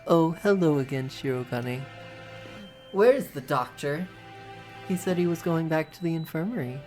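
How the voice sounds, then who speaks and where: A woman's voice: low-pitched, normal speed, darkish tone, natural voice. A woman voicing an earnest, proud young male noble bird in a game, speaking with stiff, formal diction. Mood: polite. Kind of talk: reading visual novel dialogue aloud. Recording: faint music behind.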